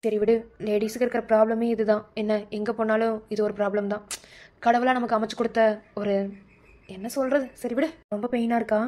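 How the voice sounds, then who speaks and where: A woman's voice: a little high, flat delivery, a little fast, a little mellow, natural voice. A woman voicing a sensible young college girl in a cartoon, with a Madurai Tamil accent and a blunt, reproachful manner. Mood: apologetic. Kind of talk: cartoon voice acting.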